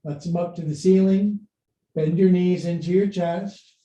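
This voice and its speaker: A man's voice: high voice, steady tone, a little slow, dark tone, highs cut off, a little hiss or hum. A middle-aged man leading a live-streamed yoga class, giving short clipped commands and counts mixed with playful, folksy joking asides. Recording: echoey room sound.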